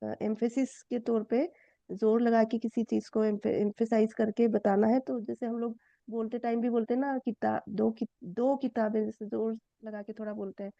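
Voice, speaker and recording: Woman teacher with a dark, dull sound. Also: flat delivery, moderate pace, no room sound. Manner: explains step by step, asks students questions. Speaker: Arabic grammar teacher. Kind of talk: online class explanation. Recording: dull low-fi dry sound.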